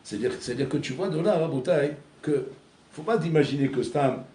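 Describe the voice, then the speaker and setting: A man's voice: fairly high pitch, a little fast, mellow, roomy sound, slight background noise. A man giving a sermon as a rabbi, telling stories and often repeating words as he searches for the next one. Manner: storytelling, repeats words while searching, keeps addressing listeners.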